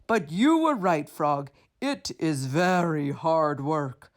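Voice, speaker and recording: A woman voicing an excitable, anxious male toad from a children's storybook, with exclaiming, emphatic delivery. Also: low voice, slow pace. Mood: relieved.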